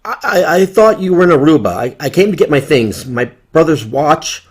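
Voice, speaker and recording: A woman's voice: deep voice, expressive, normal speed, darkish tone, breathy edge. A woman voicing a stuttering, frightened young man. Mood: panicked. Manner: stuttering, panicked. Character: frightened young man confronting his killer ex. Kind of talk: horror story voice acting.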